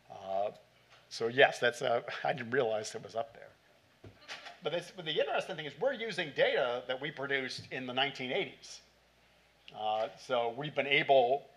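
After his talk in a conference hall, a middle-aged presenter answers questions through a podium mic. His medium-pitched voice has a fairly bright tone, and he speaks in short bursts with many fillers.

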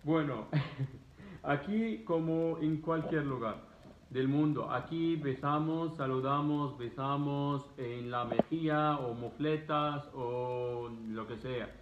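A travel vlogger speaking in a slow, hesitant, casual way, with many fillers and restarts, explaining things to students. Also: male voice, on the high side. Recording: echoey, phone-like sound.

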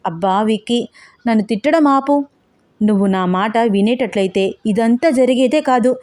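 A woman's voice: on the high side, moderate pace, a little mellow, dry recording, lightly acted. A woman playing a teasing, coy young fiancée.

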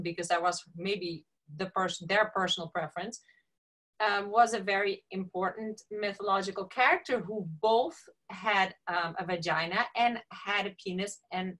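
A middle-aged woman from the Netherlands, sharing an example in a video call discussion, thoughtful and pausing for words. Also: mid-range voice, fairly bright tone. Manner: thoughtful, searching for words with many fillers. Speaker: workshop participant. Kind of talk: casual discussion. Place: indoor room with a patterned hanging behind her.

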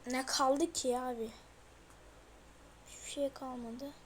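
In this horror game let's play, the young woman gamer sounds jittery and frightened, exclaiming to her viewers as she goes. She speaks slowly in a high-pitched, steady voice, with a slight hiss or hum in the recording.

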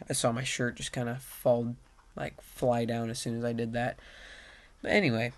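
A man playing a horror game and talking over it in rambling, self-mocking commentary, easily frustrated. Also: medium pitch. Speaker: gaming video host. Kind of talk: let's play commentary. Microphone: desk mic with face cam.

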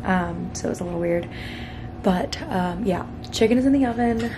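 A woman's voice: mid-range voice, moderate pace, background noise. A young adult woman vlogging from home in a rambling casual chat, often saying "like". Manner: chatty and rambling, fond of saying "like".

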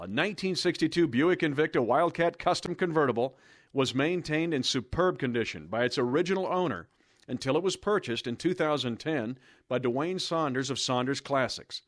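A man's voice: a little high, a bit bright, no room sound, studio quality. A man reading an enthusiastic scripted promo voice-over in an announcer's delivery. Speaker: promo narrator.

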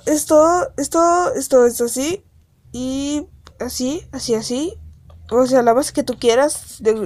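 A woman's voice: on the high side, a little mellow. A woman hosting a casual game tutorial, chatty and rambling with self-deprecating asides. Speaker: gaming channel host.

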